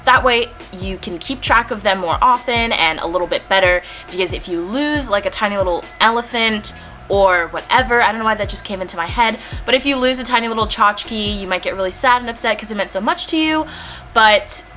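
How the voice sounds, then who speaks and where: A woman's voice: medium pitch, a little fast, pushed and bright, soft background music. A young woman in college giving chatty, upbeat decorating tips in a casual vlog. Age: young adult. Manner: chatty and upbeat, with lots of fillers. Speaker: college student vlogger.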